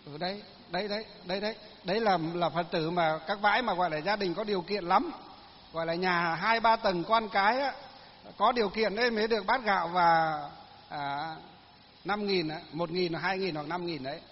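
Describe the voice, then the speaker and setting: A monk giving a sermon, telling folksy stories with many fillers. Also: male voice, sits high, moderate pace, a little hiss or hum. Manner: folksy storytelling, many fillers, laughs at own tales. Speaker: Buddhist monk. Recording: lo-fi recording with long hall reverb.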